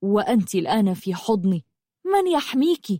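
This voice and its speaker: A woman's voice: mid-range voice, sing-song, moderate pace, warm tone, no echo, studio quality. A woman voicing a protective older brother who urges and coaxes his sister in an earnest, pleading way in an audiobook. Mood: urgent. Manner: urgent, coaxing and pleading. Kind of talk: audiobook storytelling.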